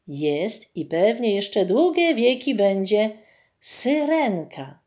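A woman reading a legend aloud to children in a slow, expressive storytelling voice. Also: medium pitch.

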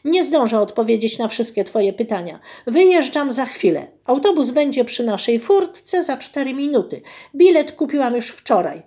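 A shrill, high-strung goose lady from a storybook, swooping wildly up and down as she frets and wails, as a woman reads her. Her voice sits well above an ordinary woman's talk and never settles. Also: sing-song, mellow. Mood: bossy. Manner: wailing, high-strung, quick to lament. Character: fussy dramatic female goose on holiday.

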